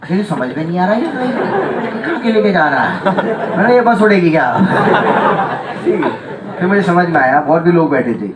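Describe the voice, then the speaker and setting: Animated teacher, high lively voice. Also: male voice, a little fast, heavy background noise. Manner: animated, chuckles often, keeps asking if students follow. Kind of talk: humorous classroom storytelling. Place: large classroom or hall with students. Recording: echoey hall from far off with loud crowd. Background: students laughing and chiming in.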